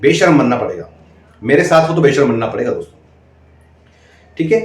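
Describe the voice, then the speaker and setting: A man's voice: mid-range voice, very animated, a little fast. A man coaching interview candidates in speech, emphatic and repetitive, often asking "okay?". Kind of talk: direct-to-camera coaching talk. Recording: echoey room.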